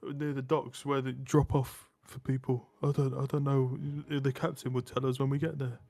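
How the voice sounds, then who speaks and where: A man's voice: mid-range voice, level tone, normal speed, gravelly, warm tone, no echo. A man playing a captured, crude dock guard who swears and pleads defensively in a tabletop game. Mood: evasive.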